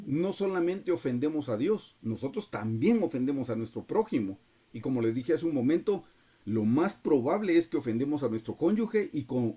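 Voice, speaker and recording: Guatemalan pastor, husky mellow voice. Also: male voice, on the high side. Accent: Guatemalan Spanish. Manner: earnest, keeps addressing listeners as brothers. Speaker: pastor leading a Bible study. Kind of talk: sermon with personal testimony. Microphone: video call.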